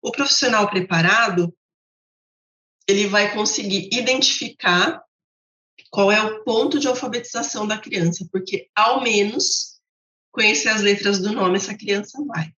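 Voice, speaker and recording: A Brazilian woman gives a teaching talk to teachers at a medium pitch, laying out her points step by step through contrasts. Her voice carries a noticeable room echo. The recording sounds slightly dull. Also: moderate pace, sharp tone. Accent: Brazilian Portuguese. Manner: didactic, repeats points with contrasts. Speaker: literacy educator.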